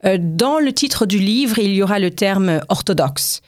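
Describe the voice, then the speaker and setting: A woman's voice: medium pitch, animated, unhurried, no room sound, studio quality. A woman from France answering radio interview questions, thoughtful and hesitant, with many fillers and restarts. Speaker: guest researcher.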